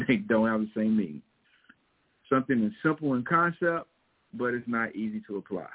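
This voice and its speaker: A man's voice: lowish voice, lively intonation, normal speed. A man with a Missouri twang giving casual, motivational coaching advice in a folksy, emphatic way, repeating his key points. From Missouri, United States. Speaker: fitness and weight loss coach. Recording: thin phone-like audio.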